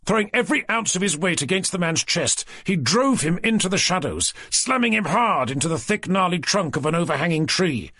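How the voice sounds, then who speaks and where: A male narrator reading a thriller audiobook in a steady, measured way. His voice is husky and moves a lot in pitch, and the recording is close and dry. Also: no echo.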